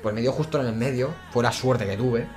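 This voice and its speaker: A man's voice: medium pitch, brisk, music in the background. A young man from Spain with a peninsular Spanish accent, a gaming youtuber telling a story in a casual, slangy, rambling way. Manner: animated, slangy, rambling with restarts. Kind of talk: casual storytelling over gameplay.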